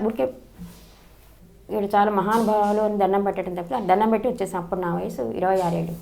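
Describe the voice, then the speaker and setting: An older woman from Andhra Pradesh speaks. She tells her memories at a brisk clip, earnest and eager, often restarting a phrase. Her voice sits at an ordinary middle pitch. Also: darkish tone. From Andhra Pradesh, India. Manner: fast, earnest storytelling with frequent restarts. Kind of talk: personal reminiscence.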